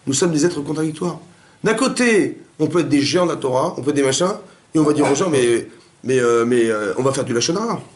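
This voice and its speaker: Animated male rabbi teaching a class. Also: a little high, brisk, a little hiss or hum. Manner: animated, rhetorical questions to listeners. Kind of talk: Torah class. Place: family home.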